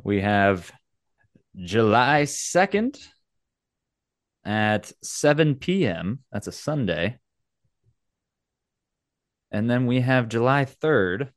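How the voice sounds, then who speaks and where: A man hosting a casual game, explaining the rules in a playful, theatrical way with dramatic pauses. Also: fairly low pitch, animated, no room sound, studio quality. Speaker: game show host.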